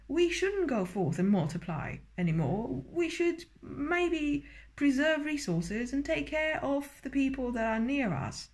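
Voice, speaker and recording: Tipsy woman with a higher-pitched voice, rambling. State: tipsy from drinking. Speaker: video reviewer. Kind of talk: casual, rambling episode review.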